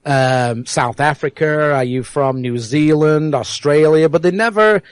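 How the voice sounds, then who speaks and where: A man's voice: on the high side, a little slow, smooth, dry recording. A man from England with a hard-to-place English accent tinged with American, talking earnestly as a guest on an internet radio interview and often repeating words as he searches for them. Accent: hard-to-place English accent with some American. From England (South Yorkshire).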